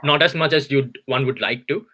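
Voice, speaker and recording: A man's voice: mid-range voice, brisk, sharp tone, highs cut off. A man in his twenties, a podcast co-host, giving opinionated takes and teasing his friends, with frequent "um"s. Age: 20s. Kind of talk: casual chat. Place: home in Tokyo.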